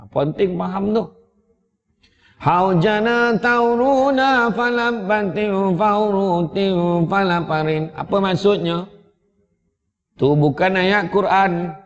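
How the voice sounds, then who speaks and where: Malaysian guy giving a funny sermon, acts stuff out, kinda high voice, dull muffled recording. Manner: lively storyteller acting out scenes. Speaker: preacher. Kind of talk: humorous sermon. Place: mosque or prayer hall. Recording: echoey hall, dull lo-fi sound.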